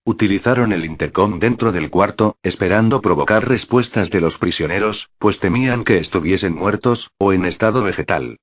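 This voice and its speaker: A man narrating a creepypasta horror story in a steady, measured way. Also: low-pitched.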